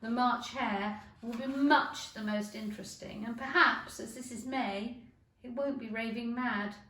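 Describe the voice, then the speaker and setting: A woman's voice: on the high side, fairly even intonation, a little slow, a bit bright. A woman voicing a polite, curious young girl from a children's storybook, earnest and questioning. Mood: exasperated, musing. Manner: earnest, well-mannered, questioning. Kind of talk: children's storybook character reading. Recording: echoey room.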